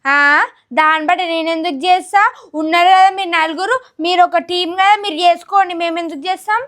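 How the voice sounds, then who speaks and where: A woman's voice: very high voice, fairly even intonation, fast, a bit bright. A young woman playing a stubborn rival hostel girl in an amateur skit, dismissive and scheming. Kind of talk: amateur comedy skit acting.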